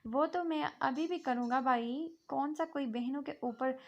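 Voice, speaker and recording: A woman's voice: sits high, unhurried, dull audio. A woman voicing a playful young man who teases and jokes, in a storybook reading. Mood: teasing. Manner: jokey, teasing.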